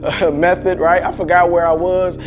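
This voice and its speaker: A man's voice: sits high, little pitch movement, normal speed, lo-fi sound, background noise. A man coaching on public speaking in a fervent, preacher-like way, calling out "come on" and restarting his words. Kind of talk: faith-based motivational talk. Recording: clear music bed under voice. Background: music.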